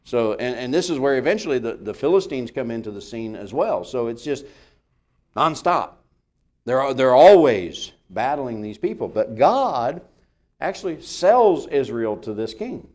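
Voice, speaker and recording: A male Bible teacher with a lively, swooping voice talks through the old stories in an easygoing way. He jokes with the people in the room and keeps laughing as he goes. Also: mid-range voice, unhurried.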